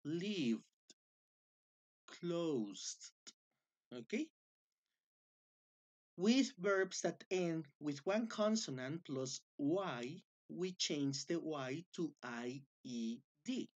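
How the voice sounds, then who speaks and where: Slow, patient woman teaching grammar. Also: deep voice, lively intonation, a little mellow, lo-fi sound. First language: Spanish. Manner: patient, drawn-out, repeats each rule in Spanish. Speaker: English teacher. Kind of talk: slow classroom-style grammar explanation.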